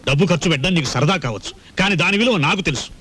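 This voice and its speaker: A cold miserly landlord villain. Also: male voice, a little high, animated, rapid-fire, a bit bright. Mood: stern. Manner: cold, commanding and threatening. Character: greedy, domineering rich male landlord villain. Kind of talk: old film dialogue.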